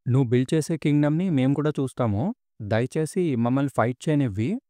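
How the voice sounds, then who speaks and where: A man's voice: medium pitch, brisk, mellow, no room sound, studio quality, lightly acted. A man voicing a group of dead soldiers who earnestly implore their leader. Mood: imploring.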